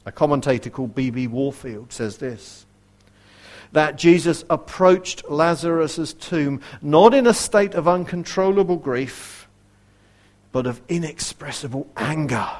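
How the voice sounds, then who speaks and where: A man preaching a sermon in an earnest way, asking his listeners direct questions and dropping to a hush for quoted verses. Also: on the high side, a little slow. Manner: varies loudness widely, dropping to a near whisper for quoted verses.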